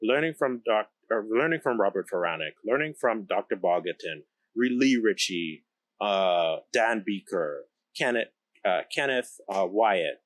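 An interview guest from the Bahamas, a founder and engineer in his thirties, speaks in a fairly low, animated voice at a measured pace. He sits on a large indoor electronics production floor telling his story with candor and emphasis. The close podcast mic on its boom arm picks up no room sound.

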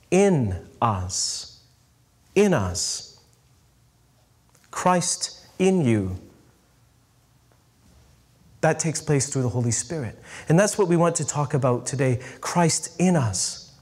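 Speaking to a live audience, a middle-aged priest gives a sermon in a slightly high voice. His storytelling carries lively emphasis, and he slows down to drive home his main points.

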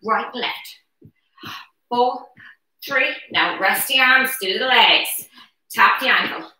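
A woman's voice: a little high, takes it slowly, pushed and bright. A middle-aged woman leading an exercise class, energetically counting reps and calling short encouraging cues. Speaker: aerobics instructor leading chair exercises. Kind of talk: live fitness class coaching. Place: brick-walled living room at home. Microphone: camera a few metres away. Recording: roomy echo, distant camera microphone.

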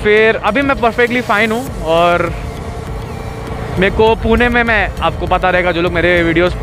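A young man, chatting in a rambling, easygoing way while riding a motorbike on a highway and mixing in English words. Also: moderate pace, over music. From India. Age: young adult. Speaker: motovlogger. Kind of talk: casual chat while riding.

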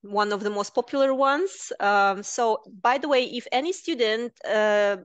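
A woman's voice: a little high, a little slow, clean tone, no room sound. A woman in her thirties, a careers manager, presenting and moderating a webinar over a headset on a video call, explaining at length with many filler sounds. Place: indoors, virtual background.

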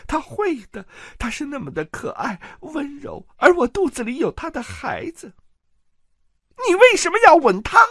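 A man's voice: slightly rough, no room sound, clean studio sound, full character voice. A man voicing a jealous, hysterical noblewoman who sobs and wails in an audiobook. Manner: shrill, sobbing, breaking into cries. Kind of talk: audiobook character voice.

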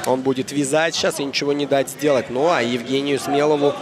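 A man giving live boxing commentary in short, halting phrases with repeats. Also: medium pitch, fairly even intonation, over a noisy crowd, heavy background noise.

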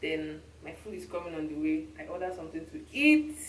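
A young Nigerian woman vlogs from a hotel room, talking casually to her camera in a Nigerian accent. Her low voice is brisk, her talk chatty, relaxed and run-on. The handheld camera mic sits at arm's length, giving a roomy sound with clear background noise.

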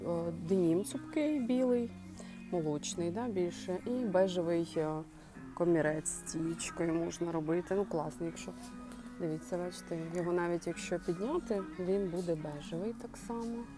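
A woman's voice: fairly low pitch, normal speed, music in the background. A woman chatting to her viewers while browsing a clothing and home goods store, thinking aloud in a casual shopping vlog. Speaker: shopping vlogger.

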